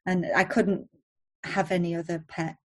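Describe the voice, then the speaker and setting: Husky-voiced woman chatting warmly. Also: on the low side, level tone, moderate pace. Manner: chatty, laughs easily. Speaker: guest. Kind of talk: casual chat.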